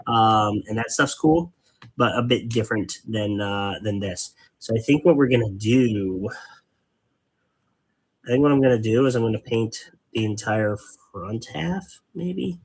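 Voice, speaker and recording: Husky man chatting while painting. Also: on the low side, a little slow. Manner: rambling, patient explaining, corny dad jokes. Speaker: host of a hobby painting stream. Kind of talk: casual live-stream chat while painting.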